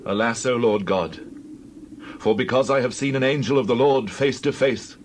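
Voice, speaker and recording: A man's voice: mid-range voice, normal speed, slight background noise, natural voice. An actor playing a humble, anxious Israelite man pleading earnestly in a scripture drama. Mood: alarmed.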